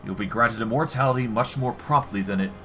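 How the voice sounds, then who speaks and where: A man voicing an imperious, irritable undead lich mentor from a fantasy game, speaking in a formal, measured, pompous way. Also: mid-range voice, fairly bright tone, natural voice. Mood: irritated. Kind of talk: game dialogue read aloud in character.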